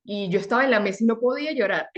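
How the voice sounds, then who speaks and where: A young adult woman from Venezuela, a guest in an interview, telling her story in an earnest, animated way, often repeating words for emphasis. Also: on the high side, fast, a little hiss or hum. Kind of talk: conversational interview.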